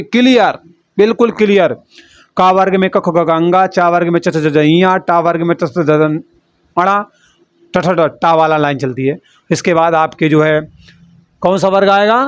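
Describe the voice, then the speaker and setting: A high-pitched man with a Hindi accent from Uttar Pradesh teaches grammar for an exam. He drills points by repeating them and voices sample sounds softly, then with force. The recording is dry and close, with no room sound. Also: no room sound. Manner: addresses students as beta, repeats key words as questions. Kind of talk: online exam-prep lesson.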